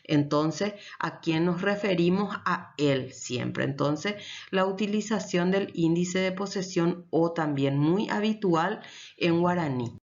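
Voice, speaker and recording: A woman teaching Guaraní grammar in a lecture, explaining slowly and often checking with her listeners. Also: lowish voice. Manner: switches between Spanish and Guaraní. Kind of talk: recorded language lecture. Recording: dull lo-fi recording.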